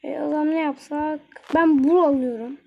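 A young woman giving excitable live commentary while playing a mobile game, talking to the characters on screen as she plays. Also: sits high, normal speed, vocal fry, highs cut off, slight background noise. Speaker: gaming channel host.

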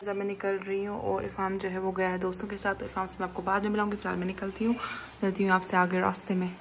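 A woman's voice: medium pitch, completely flat delivery, quick pace, background noise. A young woman from Kashmir chatting to her phone at arm's length, narrating her day as a vlogger, out on the streets, in a cafe and at home. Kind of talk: casual vlog chat.

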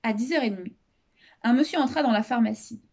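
A woman reading a children's novel aloud as a storyteller, expressive and lively, raising her voice for the characters' shouted lines. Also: a little fast, vocal fry. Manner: expressive, raises pitch for shouted quotes.

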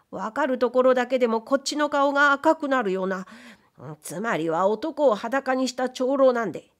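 A woman's voice: a little high, voice pushed up, natural voice. A woman reading aloud, voicing a humble, timid male ghost who was once a wastepaper dealer, speaking in polite, plaintive old Edo commoner speech. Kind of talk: audiobook reading of period fiction.

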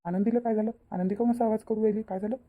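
A man's voice: high-pitched, fairly even intonation, rapid-fire, narrow, tinny audio. A man voicing a protective, agitated younger brother and husband.

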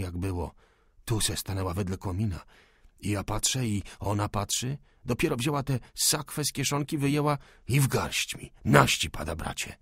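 A man's voice: lowish voice, husky, no room sound, studio quality. A man voicing a crude, suspicious old peasant cook who grumbles in rustic country dialect. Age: over 60.

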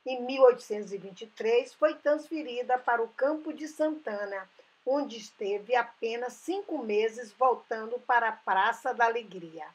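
A woman's voice: a little high, a little slow, breathy edge. A woman narrating a voice-over for her travel channel, going through dates and history carefully, with small restarts.

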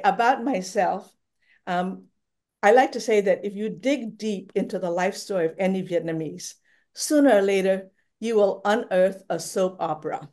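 An older woman from Thailand speaking on a webinar from her home over a video call, telling her personal story in a measured, reflective way. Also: medium pitch, a little mellow. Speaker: panelist. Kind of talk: prepared personal remarks on a webinar. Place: home room, indoors.

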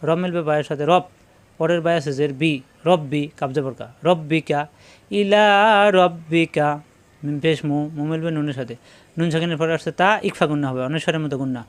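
A man teaching Quran reading, spelling each syllable aloud and then chanting the joined words in a slow, drawn-out tune. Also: fairly high pitch, fairly even intonation. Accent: Bangladeshi Bengali. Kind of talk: slow letter-by-letter recitation lesson.

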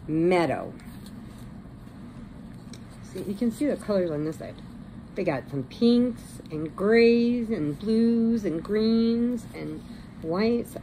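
A woman's voice: mid-range voice, darkish tone, slight background noise, low-quality recording. A woman with an American Midwestern accent chatting casually, telling stories and showing yarn in a crochet vlog. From Illinois, United States. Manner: chatty, laughs through her stories. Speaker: crochet vlogger. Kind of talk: casual storytelling and yarn haul.

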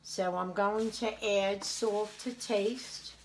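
In her home kitchen, a forties-aged cooking show host walks through a recipe in a chatty, homey way, tasting and praising the food. Her voice is medium-pitched, steady and slow, caught by a counter camera at arm's length in a low-quality recording with a little hiss or hum. Faint clatter of dishes and utensils sits behind her.

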